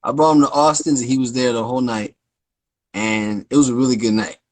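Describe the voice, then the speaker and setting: A man hosting a casual live-stream interview, telling stories in an excited, rambling way. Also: mid-range voice, a little fast, no room sound, poor audio. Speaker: host. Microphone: phone on a live stream.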